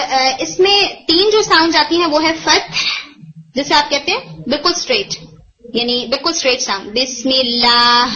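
A woman tajweed teacher explaining recitation rules in a code-mixed style and slowly chanting example phrases. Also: sits high, pushed and bright, dull audio. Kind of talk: online Quran recitation lesson.

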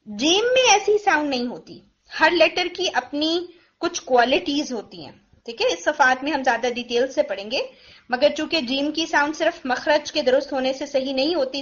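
A woman's voice: high voice, fairly bright tone, muffled recording. A woman, a teacher who patiently explains letter sounds step by step and uses everyday comparisons. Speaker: Quran recitation teacher. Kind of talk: pronunciation lesson.

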